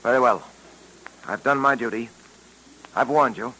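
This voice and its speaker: An actor playing an earnest male police detective in a 1940s radio drama, speaking calmly and with authority. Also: mid-range voice, poor audio. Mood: tense. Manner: calm, measured, authoritative.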